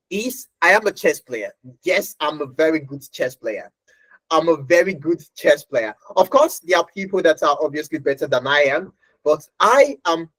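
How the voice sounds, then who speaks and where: A woman's voice: lowish voice, a bit bright, no room sound, poor audio. A woman teaching a live online training session from her home workstation, chatty and often laughing as she checks in with her class.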